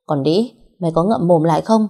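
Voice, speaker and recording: A woman's voice: on the low side, brisk, dark tone, breathy edge. A woman voicing an unhinged, vicious young woman kidnapper who snarls threats. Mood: menacing.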